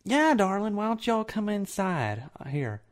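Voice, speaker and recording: A man's voice: sits high, big pitch swings, a little slow, voice pushed up. A man voicing a flirty tavern woman who coaxes guests inside. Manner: sweet, coaxing.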